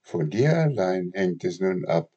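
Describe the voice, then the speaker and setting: A gentle, wise fairy who scolds with motherly care, from a storybook, as a man reading aloud plays her. The voice stays slow and dark, with a husky softness. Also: deep voice, sing-song, dull audio, exaggerated voice. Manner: gentle, admonishing.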